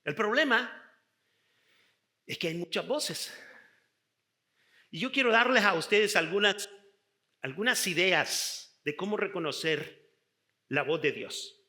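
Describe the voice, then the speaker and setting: A middle-aged male pastor preaching a sermon, emphatic and drawn out, with sudden shifts in loudness. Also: high-pitched, expressive, slow, pauses often.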